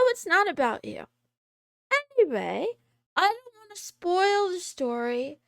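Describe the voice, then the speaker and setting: A woman's voice: sits high, vocal fry, dry recording, clean studio sound. A woman streamer chatting casually through a voice changer, rambling and laughing often as she talks. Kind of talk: casual chat.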